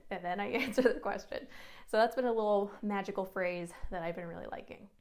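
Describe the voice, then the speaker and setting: A woman's voice: medium pitch, brisk, darkish tone. Chatty woman music teacher vlogging. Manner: chatty, lots of "like", acts out classroom dialogue. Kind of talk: casual teacher vlog.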